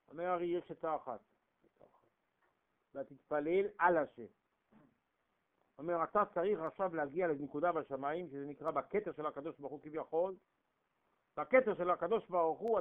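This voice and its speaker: Male preacher, fairly high voice, emphatic and repetitive, tinny phone-quality audio. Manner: emphatic, repetitive, swings from loud to hushed. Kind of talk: sermon.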